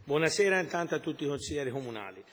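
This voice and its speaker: A man's voice: fairly high pitch, animated, very fast. A man, a deputy mayor giving a formal speech at a council meeting, explaining plans at length and repeating points. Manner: repetitive, explanatory, speaks in circles. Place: council chamber. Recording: reverberant council chamber.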